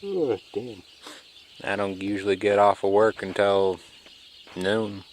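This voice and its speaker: Man, very deep voice, drowsy rambling vlog chat, phone mic outdoors. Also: monotone, measured pace, slight background noise. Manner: laid-back, rambling, drawling. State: sleepy, yawning. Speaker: car vlogger. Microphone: phone camera.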